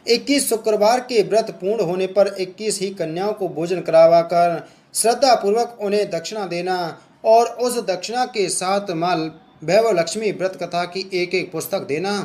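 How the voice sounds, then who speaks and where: A man's voice: high voice, moderate pace, a little mellow, close to an everyday voice. A man voicing a kind old temple mother who consoles and instructs in a soothing way. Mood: instructing. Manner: soothing, reassuring.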